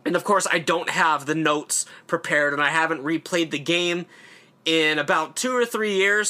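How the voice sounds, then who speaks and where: Speaking high, bright and forcefully, a young man rambles about games on his horror channel. It's casual solo commentary, conversational and loose, with fillers and an occasional swear word.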